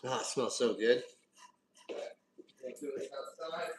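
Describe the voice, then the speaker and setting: A man's voice: mid-range voice, unhurried. A man chatting casually on a livestream in laid-back bro slang as he demonstrates his home brewing. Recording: roomy echo, distant mic, faint noise.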